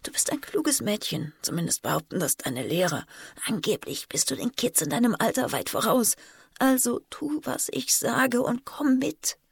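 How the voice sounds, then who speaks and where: A woman's voice: fairly high pitch, animated, moderate pace, creaky, breathy edge, no echo, studio quality, pitched above the performer's own voice, heavily acted. A woman voicing a frightened older sister girl who hisses urgent, pleading orders in a whispered role-play. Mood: insistent.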